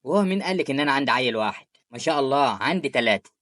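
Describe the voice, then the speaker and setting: A performer with an Egyptian Arabic accent voicing an affectionate, patient young husband in an animated story. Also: female voice, very deep voice, dry recording, studio quality. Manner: warm-hearted, rapid.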